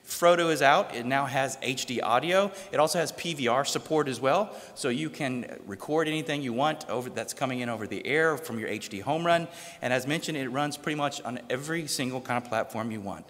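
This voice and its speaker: A man giving an enthusiastic, jokey tech pitch as a lightning talk at a conference. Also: a little fast, a bit bright. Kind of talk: short timed presentation to an audience. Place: conference hall. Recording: reverberant hall.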